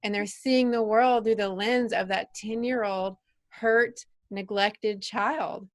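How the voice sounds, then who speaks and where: A woman in her forties hosts a podcast as a casual interview, probing her guest with questions in an earnest, coaching manner. Her voice is medium-pitched and steady, and she takes her time.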